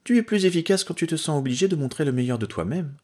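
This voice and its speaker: A young wife with dry, unbothered teasing, as a male reader lifts his voice for her. The tone jumps around lively and stays a little husky. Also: quick pace. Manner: raised pitch, dry teasing.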